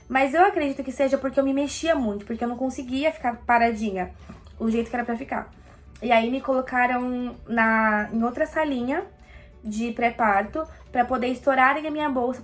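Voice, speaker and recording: A young Brazilian woman casually telling a personal story, animated and acting out quoted lines. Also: on the high side.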